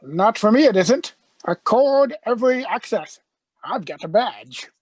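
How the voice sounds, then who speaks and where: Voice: medium pitch, big pitch swings, unhurried, a little mellow, slightly rough, no room sound. An actor playing an eccentric, defiant space-travelling Doctor in a radio play, urgent and given to repeating phrases. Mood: commanding.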